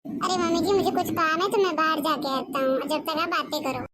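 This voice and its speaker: Cartoon: obedient young husband, soft and placating; a woman voices him. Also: high voice, a little fast, heavy background noise, lightly acted.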